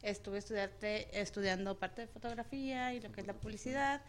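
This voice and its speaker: A woman's voice: medium pitch, steady tone, a little fast, slight background noise. A woman from Sonora, Mexico, a guest on a radio show, answering in a friendly way. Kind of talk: casual studio chat.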